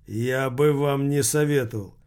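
A man's voice: mid-range voice, measured pace, a little mellow, clean tone, natural voice. Man doing an irritated, bluffing diner. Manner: irritated, insistent.

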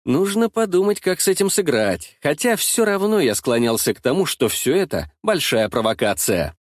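A man's voice: a little high, normal speed, no echo. A man narrating a historical adventure audiobook in the first person, telling it expressively on a close studio mic. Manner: expressive, lively storytelling.

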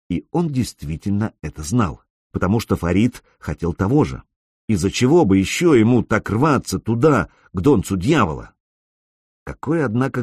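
A man narrating an audiobook in an expressive, measured reading. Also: fairly low pitch, slightly rough, dry recording. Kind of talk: scripted narration. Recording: dry close mic.

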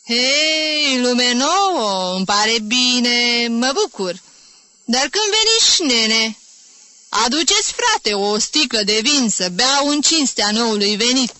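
A woman voicing a tipsy, touchy older gentleman who drawls his words nasally, in an audiobook reading. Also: fairly high pitch, animated, no echo, voice pushed up. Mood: tipsy, indignant. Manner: nasal drawl, gallant yet offended.

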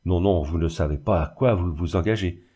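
A man's voice: deep voice, fairly quick, warm tone, slightly rough. Plaintive, self-pitying, ruined male glassmaker, audiobook character, read by a man. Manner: plaintive, moaning.

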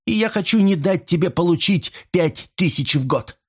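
A man voicing a cold, scheming young woman who speaks in a deliberate, icy way, in a storybook reading. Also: high-pitched, animated, slightly rough, pitched above the performer's own voice, heavily acted. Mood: coldly menacing.

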